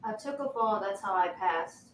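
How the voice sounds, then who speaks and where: A woman's voice: mid-range voice, expressive, moderate pace. A woman making brief, casual remarks and questions. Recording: echoey, distant, faintly noisy pickup.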